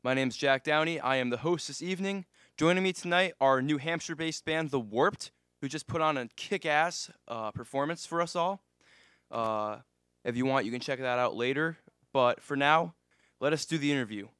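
A man of twenty-one hosting a casual interview at a music venue, asking relaxed questions with plenty of fillers. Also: on the high side, normal speed, clean tone, no echo, studio quality. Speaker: interview host. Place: music venue after a live set.

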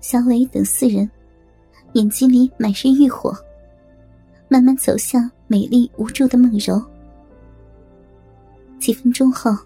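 A woman narrating an audiobook in a steady storytelling manner. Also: a little high, unhurried, pauses often, breathy edge. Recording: dry close mic with faint music beneath.

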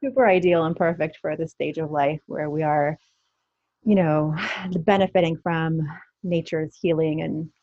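A woman from Brooklyn with a New York accent, a podcast guest talking in a relaxed, friendly, rambling way. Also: low-pitched, unhurried, no echo. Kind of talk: casual interview chat. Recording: dull, dry remote audio.

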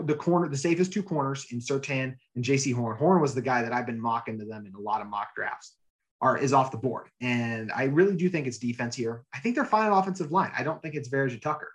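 A man hosting a casual podcast chat, energetic and emphatic as he leads the talk. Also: medium pitch. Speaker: podcast host.

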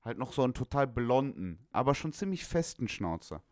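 A young man chats casually and animatedly, full of street slang and swearing. His voice sits at a middle pitch. The recording is dry and close. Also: very animated, brisk, darkish tone, no echo. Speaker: podcast co-host. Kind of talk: casual chat.

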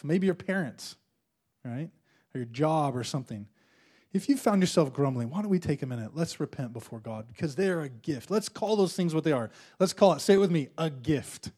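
A man's voice: a little high, a little mellow. A male preacher delivering a sermon and leading the congregation in prayer, with fervent call-and-response and lines repeated for the room to echo.

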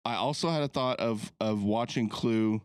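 Man, lowish voice, rambling swearing podcast co-host, dry sound. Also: normal speed, clear, resonant tone, no room sound. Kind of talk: casual chat.

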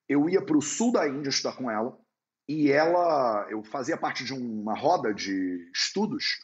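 Lively man on a live stream. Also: medium pitch. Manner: animated storyteller, slangy and conversational. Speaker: Ayurveda teacher hosting a live stream. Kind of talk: casual live-stream Q&A talk. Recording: dull lo-fi sound.

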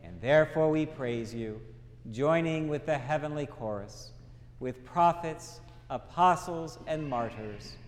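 A man leading a church liturgy as priest, reciting prayer in a measured, reverent way with pauses between short phrases, in cathedral-like echo. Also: a little high. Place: large reverberant church, indoors.

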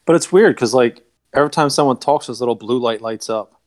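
A man's voice: mid-range voice, brisk, darkish tone. Laconic Kentucky man, easygoing. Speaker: podcast guest. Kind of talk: casual chat.

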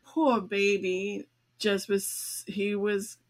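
Here a grandmother and podcast co-host chats her way through a lengthy story from her own life, breaking into laughter frequently. She speaks at a medium pitch with a flat delivery, drawing out her words.

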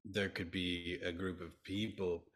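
His voice low and a bit bright, a middle-aged podcast guest delivers flat, measured, earnest reflections in an interview. He often starts over and repeats himself.

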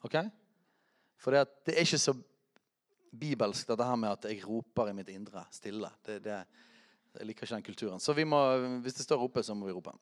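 A man preaching a charismatic sermon, chatty and self-correcting, who shouts out scripture. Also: fairly low pitch.

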